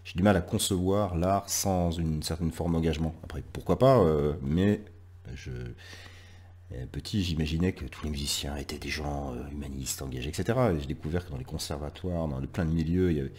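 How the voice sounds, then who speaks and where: A man with an extremely deep voice hosts a poetry program from France. He talks with hesitant fillers and restarts, then reads verse with rising emphasis through repeated lines. His phrases often trail off into a near whisper. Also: a little fast, a little mellow, husky. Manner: hesitant, many "euh" fillers and restarts in talk. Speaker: poetry show host and reader. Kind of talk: casual spoken intro, then poetry reading.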